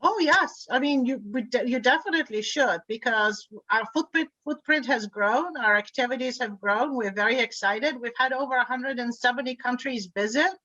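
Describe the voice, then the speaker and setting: Here the same kind of guest, a middle-aged woman from Bulgaria who chairs an energy grid board, speaks in a remote interview with a fairly high, sharp voice at a moderate pace and few pauses. She's fluent yet frequently restarts, repeating words. There's no echo, but the highs are cut off.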